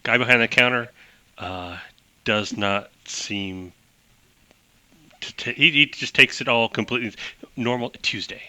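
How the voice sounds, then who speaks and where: Male game master, chatty rambling narration, bright forceful voice. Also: mid-range voice, measured pace, pauses often, smooth, dry recording. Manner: rambling, chuckling asides.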